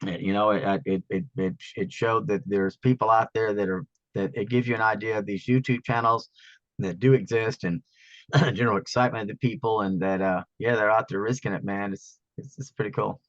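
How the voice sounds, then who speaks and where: Rambling, animated actor in a dry, dull recording. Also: male voice, lowish voice, dry recording. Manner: animated, rambling, calls people "man". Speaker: actor and stand-up comedian. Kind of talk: casual storytelling interview.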